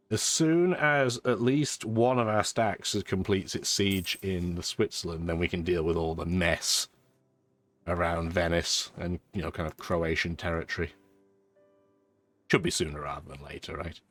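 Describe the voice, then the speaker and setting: A deep-voiced man with a fairly bright tone hosts a gaming video, speaking at normal speed as he plays strategy and keeps his remarks dry and chatty. Congestion from blocked sinuses and a lingering sore throat thickens his voice, and the recording has no room sound, with music behind him.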